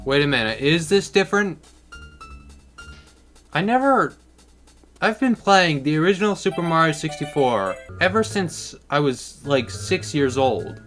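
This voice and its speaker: A man's voice: a little high, animated, normal speed, hardly any pauses, a bit bright, faint music behind. A teenage boy giving casual, rambling let's-play commentary as the host of his gaming channel, swearing and exclaiming as he goes. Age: teens.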